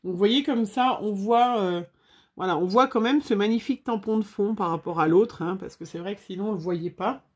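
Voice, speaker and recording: A woman's voice: medium pitch, moderate pace. A woman chatting casually to viewers while making a scrapbooking craft, with frequent fillers.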